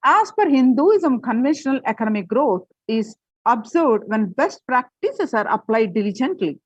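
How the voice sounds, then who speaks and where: A presenter reads an article aloud, her somewhat high, slightly husky voice rising and falling a lot with very animated delivery at normal speed. She stumbles now and then into fillers and restarts, and the recording is dry, a bit dull, and echo-free.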